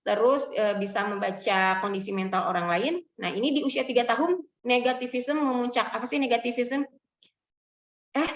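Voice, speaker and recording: A woman psychologist gives a parenting seminar talk, explaining step by step and acting out quotes from parents and children. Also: on the high side. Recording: echoey, distant, muffled room mic.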